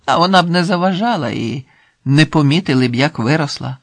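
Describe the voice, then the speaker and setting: A chatty, motherly old village woman, as a male reader puts her on, with a raised, fuller voice and a homely, folksy way of talking. The tone stays husky and a little gravelly. The storybook reading sounds dry and close. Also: on the high side, expressive, a little fast, no room sound.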